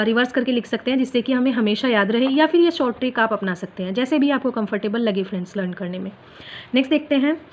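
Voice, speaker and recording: A woman's voice: a little high, muffled recording. A woman, teaching literary terms from her exam notes, term by term, and calling her viewers friends. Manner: explains term by term, repeats the key points, calls viewers friends. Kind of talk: exam-prep notes lesson.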